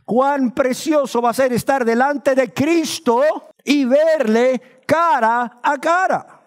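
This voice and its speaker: A man born in Nicaragua preaching a sermon, asking his listeners questions and slowing down to stress the words of scripture. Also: very high voice. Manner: asks the congregation rhetorical questions. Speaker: pastor.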